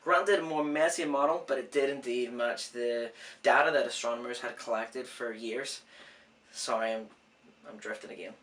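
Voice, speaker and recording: A man's voice: mid-range voice, normal speed, fairly bright tone, recorded from a distance. A man who says w for r, hosting an informal science explainer with self-mocking, rambling asides. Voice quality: cannot say R clearly, says w for r. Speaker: host of an educational science series. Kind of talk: informal science explainer, part scripted, part ad-libbed.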